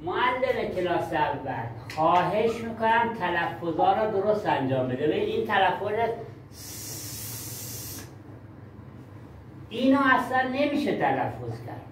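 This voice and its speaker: A man's voice: sits high, very animated, few pauses, slight background noise. A man giving a workshop lecture to teachers, talking emphatically and repeating key words. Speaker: teacher trainer. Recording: echoey room, far from mic.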